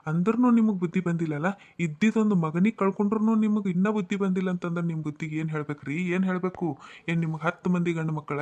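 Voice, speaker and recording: A man's voice: fairly high pitch, lightly acted. A man voicing a stern middle-aged father in a cartoon who lectures and threatens, with a North Karnataka accent. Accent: North Karnataka Kannada. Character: stern middle-aged father defending his widowed daughter. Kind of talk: cartoon voice acting.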